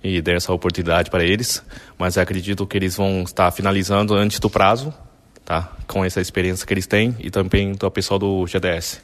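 Man from taiwan, 30s, interpreter, low voice, long echo. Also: flat delivery, brisk. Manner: friendly, modest, with frequent "tá?" tags. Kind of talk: on-site interpreting. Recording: echoey hall.

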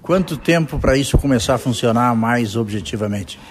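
A man's voice: mid-range voice, animated, normal speed. A Brazilian man working as a reporter, asking direct, sometimes jokey questions on site. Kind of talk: on-site news interview questions. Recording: echoey hall.

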